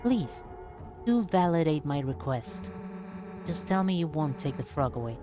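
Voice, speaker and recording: A performer plays an earnest, fiercely possessive protector from a comedic story game. The delivery is indignant and pleading with oddly garbled phrases, at a middling pitch over music. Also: big pitch swings, measured pace. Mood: desperate.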